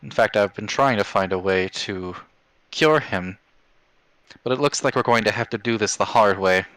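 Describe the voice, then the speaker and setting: A man's voice: lowish voice, normal speed, a bit bright, no room sound, natural voice, rough recording. A man voicing a stern, resolute archmage headmaster with a formal, grave manner in a tabletop game.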